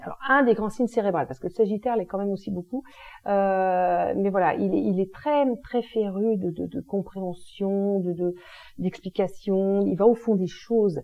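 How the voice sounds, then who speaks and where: A woman's voice: medium pitch, dark tone, lo-fi sound. A woman explaining astrology in a casual, chatty monologue, using informal slangy expressions. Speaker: energy healing and astrology presenter.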